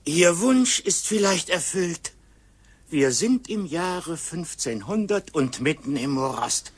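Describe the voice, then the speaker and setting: A man's voice: on the high side, expressive, takes it slowly. An actor playing a nervous, stammering man from modern times who is stranded in the Middle Ages, in an old radio play. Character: flustered modern judicial councillor Müller, stranded in 1500. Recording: roomy, distant old radio recording.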